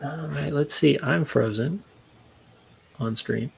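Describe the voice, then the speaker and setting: A man's voice: a little high, takes it slowly, vocal fry, a little mellow, slight background noise. A man chatting casually as a guest on a gaming talk stream, heard over a video call. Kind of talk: casual chat.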